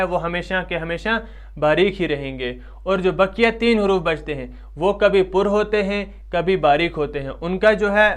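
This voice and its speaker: High, clear-voiced man teaching pronunciation. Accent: Pakistani Urdu. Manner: patient, repeats letters loudly and slowly to model pronunciation. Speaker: Quran recitation teacher. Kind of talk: tajweed lesson.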